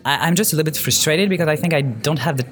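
A man's voice: fairly high pitch, rapid-fire, a bit bright. A man from France with a French accent, answering interview questions hesitantly with many restarts. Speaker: guest, student. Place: outdoors in a city neighborhood. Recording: music playing clearly behind. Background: clear music.

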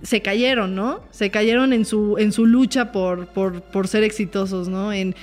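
A woman co-hosting a casual podcast, talking reflectively with frequent tag questions and quoting herself in a higher voice. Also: fairly even intonation, unhurried, soft background music. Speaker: podcast co-host.

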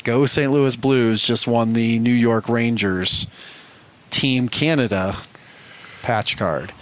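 Guy hosting a live stream giveaway, upbeat, stretches out the winners' names. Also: medium pitch. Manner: upbeat, reads winners' names slowly like an announcer. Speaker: show host. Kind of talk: live show giveaway announcements.

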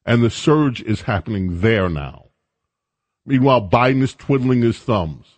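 A man's voice: medium pitch, animated, a little slow, no room sound. A man hosting talk radio, giving opinionated commentary in a conversational, emphatic way.

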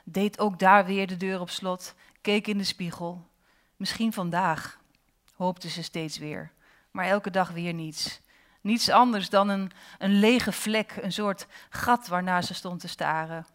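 A woman reading her own dark fairy tale aloud at a live event, expressive, with slow dramatic pauses. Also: on the low side. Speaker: storyteller and author.

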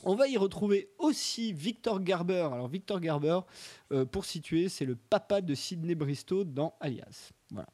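A man with a slightly high voice chats casually about upcoming TV shows. He rambles, hesitates and trips over his words, filling the gaps with drawn-out sounds as he searches for names. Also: lively intonation, darkish tone. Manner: rambling, hesitant, many fillers and restarts. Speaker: podcast co-host presenting a segment. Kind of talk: casual chat about TV series.

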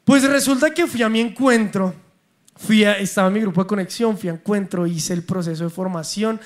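High-voiced Colombian young man preaching. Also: fairly quick. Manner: animated, humorous storytelling with acted dialogue. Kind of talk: sermon with personal stories.

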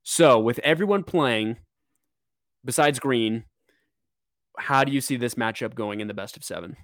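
An excitable man hosting a laid-back sports podcast, mid-pitched and quick to joke. His voice is recorded dry and close, with almost no room sound around it. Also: no room sound. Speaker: podcast host. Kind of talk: casual sports chat.

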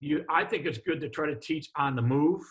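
A middle-aged basketball coach chats casually about practice, speaking emphatically and often restarting sentences, repeating words as he does. His voice is a little high, a little fast and somewhat bright.

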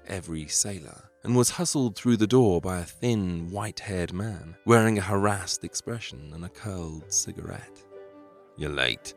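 Low, gravelly male narrator, measured dramatic storytelling, faint music under.

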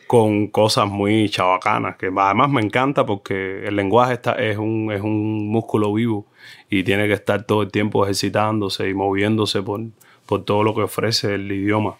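A middle-aged man with a Cuban Spanish accent, a film director chatting as a guest and telling animated stories, often mimicking how people in other regions talk. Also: on the low side, normal speed. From Cuba. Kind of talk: casual conversation.

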